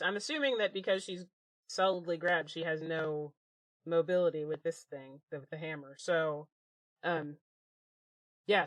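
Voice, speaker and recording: Woman, lower voice, relaxed, tabletop player, dry sound. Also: no echo, poor audio. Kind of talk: describing her character's actions.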